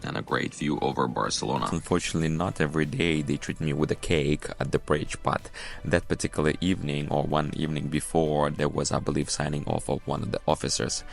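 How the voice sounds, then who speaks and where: Low-voiced man in casual vlog chat. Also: fairly even intonation, fairly quick, vocal fry, faint music behind. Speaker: assistant cruise director vlogging his workday.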